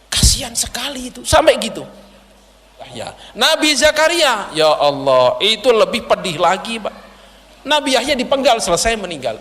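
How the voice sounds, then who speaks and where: A man's voice: very high voice, bright, forceful tone. A man preacher telling a dramatic sermon story in a prayer hall, addressing the audience directly. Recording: long hall reverb.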